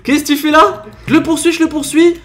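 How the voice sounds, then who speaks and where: A gaming YouTuber with a cold delivers chatty, playful Minecraft commentary, his voice stuffy and congested. He speaks briskly in a very high pitch with a flat delivery, now and then breaking into laughing shouts.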